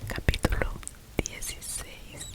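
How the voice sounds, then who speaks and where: A person reading scripture as ASMR in a cupped-hand whisper, very close to the mic as if into the ear. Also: takes it slowly. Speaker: ASMR reader. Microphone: very close to the mouth.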